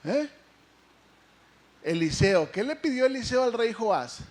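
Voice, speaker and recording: A male pastor preaching a lively sermon, asking the congregation questions and acting out the story. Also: very high voice, slow pace.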